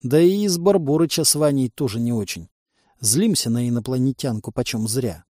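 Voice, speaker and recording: A man's voice: mid-range voice, moderate pace, darkish tone, no room sound. Ironic male audiobook narrator. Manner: dry, ironic. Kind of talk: first-person audiobook narration.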